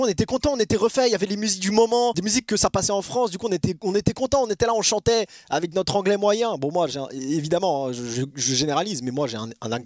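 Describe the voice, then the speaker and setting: Fast, lively young man telling a story. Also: a little high, no room sound, clean studio sound. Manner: mock-pompous, boastful joking, lots of fillers. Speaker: streamer. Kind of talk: casual storytelling on stream.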